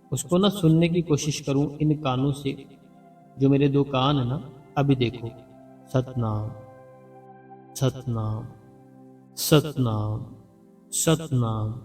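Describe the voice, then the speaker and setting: Male spiritual teacher, coaxing and repetitive, distant mic, faint music bed. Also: a little high. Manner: repetitive, slow and coaxing, softly chants names. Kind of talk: devotional guidance talk. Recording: heard from a distance over background music.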